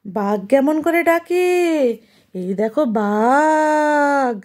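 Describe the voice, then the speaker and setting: A young woman reading a picture book to her toddler, making animal sounds in a sing-song way and stopping now and then to explain calmly. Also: sits high, a little slow. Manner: turns aside to explain calmly. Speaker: mother.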